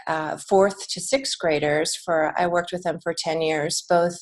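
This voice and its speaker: With a lowish, steady voice and a measured pace, this woman from the United States earnestly explains things during a conversational podcast interview. She is a children's author who also teaches creative writing.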